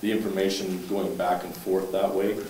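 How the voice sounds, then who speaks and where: A male town councillor reporting at a council meeting, talking in a halting, matter-of-fact way with many restarts. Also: deep voice, level tone, darkish tone. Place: council chamber, indoors. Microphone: far room mic. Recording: echoey room, distant mic, faint hiss.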